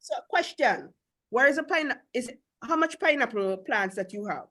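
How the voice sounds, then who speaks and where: A Caribbean-accented woman with a fairly high voice teaches and takes questions live. She is blunt and emphatic, and keeps putting questions to her students. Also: animated, normal speed, a bit bright. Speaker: agriculture instructor.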